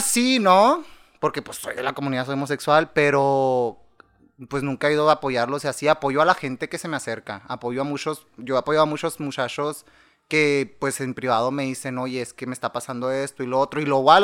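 A man's voice: mid-range voice, fairly bright tone, clean tone. A young man with a Mexican accent, chatting casually, full of slang and swearing, laughing often. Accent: Mexican Spanish. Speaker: guest. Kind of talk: casual chat.

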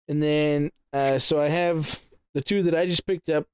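A man casually narrating his actions as a player in a tabletop game, giggly and halting as he works them out. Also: on the high side, fairly even intonation, darkish tone, smooth, no room sound. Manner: giggly, hesitant phrasing.

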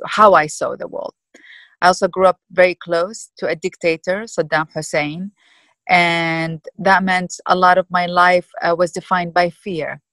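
A woman in her fifties from Iraq, answering interview questions thoughtfully with many pauses and fillers. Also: sits low, fairly bright tone, no echo, low-quality recording. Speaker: guest.

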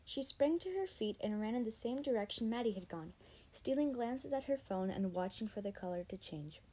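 Mellow-voiced woman reading a story. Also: fairly high pitch, lively intonation, moderate pace, low-quality recording. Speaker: audiobook narrator. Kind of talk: scripted story narration.

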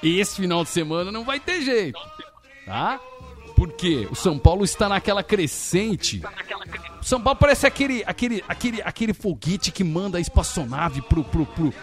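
A Brazilian man hosts a casual football show in a high, animated voice. He is excitable and repeats his words, with faint music underneath. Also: moderate pace. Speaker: football talk show host. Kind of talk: casual sports banter.

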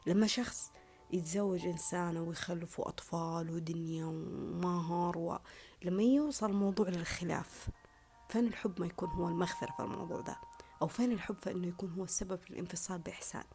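A woman speaks in an earnest, reflective monologue, with a gravelly, creaky edge to her voice. She drives her points home through repetition and often slips into a soft whisper. Faint music plays underneath. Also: lowish voice, quick pace. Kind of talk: reflective monologue on love and relationships.

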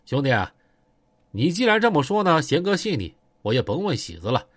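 A man voicing a calm, righteous gang boss who speaks in a steady, reassuring, authoritative way, with a Northeastern Chinese accent. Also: fairly high pitch, fairly quick, no room sound, clean studio sound.

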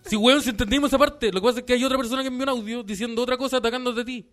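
A man's voice: very high-pitched, fairly even intonation, racing, fairly bright tone, faint music behind. A man with a Chilean accent co-hosting a podcast in casual, slangy banter, acting out scenes with sudden squeals. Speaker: podcast co-host.

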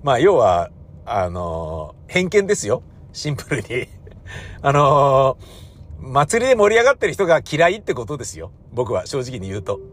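A man's voice: mid-range voice, very animated, normal speed. A man in the entertainment business giving a rambling, self-mocking rant in a casual solo monologue.

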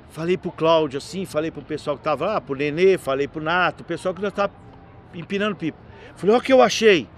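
A middle-aged man, telling stories as a podcast guest in a lively, slangy way. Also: sits high. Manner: lively, slangy, animated storyteller. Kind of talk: casual anecdotal storytelling.

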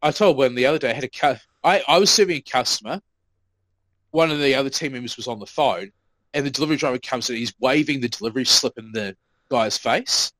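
A man's voice: mid-range voice, quick pace, a bit bright, no room sound, low-quality recording. A man co-hosting a podcast, telling work stories in casual chat, swearing freely and acting out what people said. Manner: swears freely, acts out quoted remarks. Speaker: podcast co-host.

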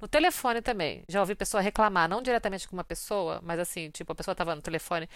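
A woman from Brazil chatting casually and telling lively stories, acting out what people said. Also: lowish voice, fast talker, no room sound. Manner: lively storyteller, acts out quoted lines. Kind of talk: casual chat.

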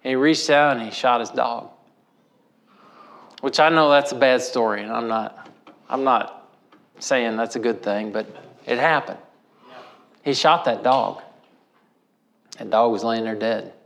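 A man from Missouri gives a sermon as a folksy personal story. He speaks with a mid-range pitch and leans on rural turns of phrase. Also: measured pace, creaky, pauses often, a bit bright. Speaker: preacher.

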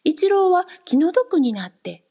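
A woman reading a storybook aloud in an expressive narrating voice. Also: very high-pitched, unhurried.

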